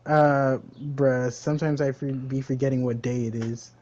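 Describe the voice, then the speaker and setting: A man's voice: mid-range voice, fairly even intonation, moderate pace, a little mellow, muffled recording. A young man co-hosting a podcast, chatting casually with a laid-back, teasing, slangy manner. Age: young adult. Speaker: podcast co-host. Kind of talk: casual chat.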